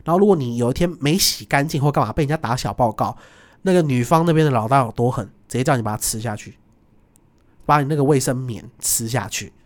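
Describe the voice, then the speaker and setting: A young adult man, a guest, telling stories in a lively casual chat and acting out the voices of people in them. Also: medium pitch. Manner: animated, quick, acts out voices in his stories.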